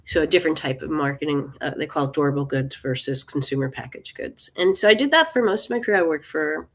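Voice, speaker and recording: A woman's voice: low-pitched, animated, fast talker. A woman in her sixties, an interview guest, talking in a thoughtful, meandering way with restarts and small laughs. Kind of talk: casual interview talk.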